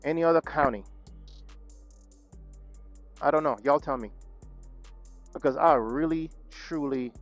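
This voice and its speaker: An indignant man rants into the camera in a talking-head vlog, stumbling and repeating words as he goes. His voice sits a little high for a man. Faint music plays underneath. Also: measured pace, pauses often. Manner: indignant, repeats himself, stutters when angry. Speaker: vlogger.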